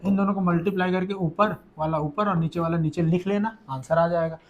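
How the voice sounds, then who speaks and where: A young man teaching school maths for exams in a quick, chatty way, repeating each step. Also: high-pitched, steady tone, muffled recording, a crowd in the background. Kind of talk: exam-prep maths lesson.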